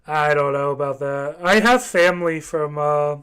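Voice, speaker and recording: Rambling young man, slightly high voice. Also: moderate pace, a bit bright, clear, resonant tone. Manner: rambling, hesitant, many fillers. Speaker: voice chat participant. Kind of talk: casual chat.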